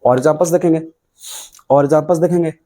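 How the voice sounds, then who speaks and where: A man's voice: on the high side, steady tone, quick pace, dark tone. A young man with a Bihari Hindi accent teaching a classroom grammar lesson, explaining step by step and answering his own questions.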